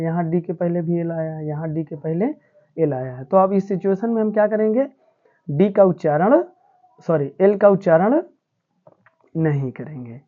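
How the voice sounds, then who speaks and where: A woman teacher explaining English spelling rules to students in a patient, repetitive classroom manner. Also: lowish voice. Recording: tinny phone-like audio.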